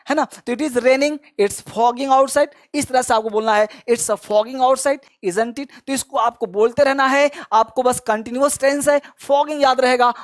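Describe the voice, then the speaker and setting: A man teaching a spoken English lesson, repeating example sentences slowly and adding encouraging, chatty asides to the learners. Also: extremely high pitch. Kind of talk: online language lesson.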